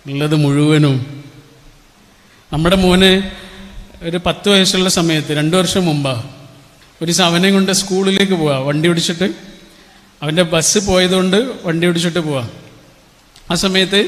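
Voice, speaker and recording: Middle-aged Malayali man, high pitch, storytelling speaker with rhetorical questions. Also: fairly bright tone, in a large hall. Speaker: public speaker. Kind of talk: motivational speech.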